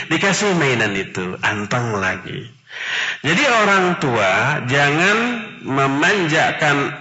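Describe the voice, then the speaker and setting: A man teaching a Ramadan study lecture in Indonesian with a Sundanese accent, lively and expressive, sometimes mimicking children. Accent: Sundanese-tinged Indonesian. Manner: animated, acts out children's voices with high pitch jumps. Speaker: Islamic religious teacher. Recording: echoey hall, muffled audio.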